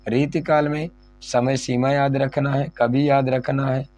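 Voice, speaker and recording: A man's voice: medium pitch, level tone, unhurried, a little mellow. A male teacher going over an exam syllabus, repeating key points and asking questions he then answers himself. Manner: repetitive, asks and answers own questions.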